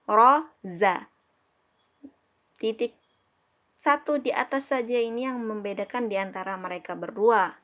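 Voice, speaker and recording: A woman from Indonesia teaching an Arabic lesson, patiently repeating herself and slowly sounding out each example. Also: fairly high pitch, fairly even intonation. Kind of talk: classroom lesson explaining letters.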